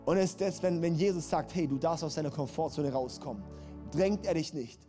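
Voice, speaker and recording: A man's voice: a little high, fairly quick, over music. A man preaching a sermon, passionate and building to emphatic, repeated calls. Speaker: pastor.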